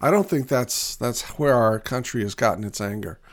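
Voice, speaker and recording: In a video lesson for business owners on passages from the Bible, a man talks conversationally at a moderate pace in a mid-range voice made raspy and hoarse by a recent cold. Fillers and restarts come up often.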